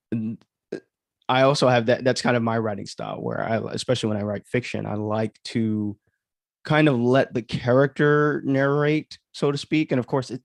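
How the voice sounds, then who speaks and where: Fairly low, gravelly and a little mellow, this man's voice comes through a dry, studio-quality recording. As the author hosting a livestream of his own audio drama, he rambles casually and drifts into conversational asides.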